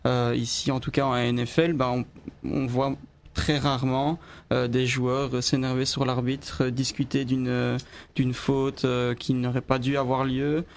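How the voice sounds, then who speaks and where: A male radio guest talks in a flat, even tone with a gravelly edge, stalling on fillers as he thinks. His pitch stays middling throughout. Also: unhurried. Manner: hesitant, many fillers and restarts. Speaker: studio guest. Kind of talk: radio discussion.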